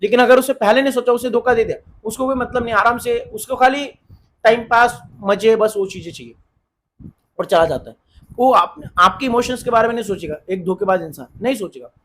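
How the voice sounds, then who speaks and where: A man's voice: very high-pitched, fairly quick, a bit bright. A man giving relationship advice in a casual monologue, earnest and insistent, often repeating himself.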